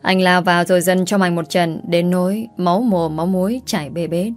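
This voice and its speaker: A woman's voice: on the low side, steady tone, brisk, faint music behind. A woman narrating a dramatic first-person story, intense and emotional.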